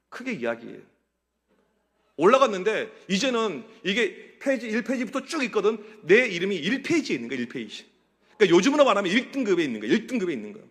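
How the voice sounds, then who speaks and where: A man in his forties, a pastor giving an animated sermon to a youth group, telling his story and quizzing the teens. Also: high voice. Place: church sanctuary. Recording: church hall reverb.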